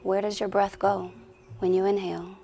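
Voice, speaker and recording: A woman at medium pitch and an even tone guides a meditation over music. She speaks gently and slowly, pausing at length, her quiet voice repeatedly sinking toward a whisper.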